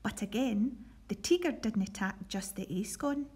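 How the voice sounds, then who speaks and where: A woman's voice: medium pitch, expressive, moderate pace, darkish tone, husky. A woman with a Scottish accent leading a primary school assembly and reading a storybook aloud in an encouraging way.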